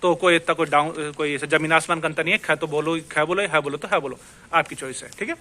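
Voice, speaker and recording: A man's voice: fairly high pitch, fairly even intonation, quick pace, sharp tone. A man with an Indian accent teaching a casual language lesson, chatty, repeating words and checking in with the viewer. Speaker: Spanish teacher.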